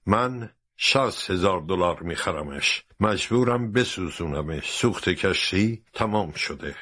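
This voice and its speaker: A man voicing a composed gentleman traveler in a storybook reading, speaking calmly and evenly. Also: deep voice, exaggerated voice. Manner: calm and unhurried.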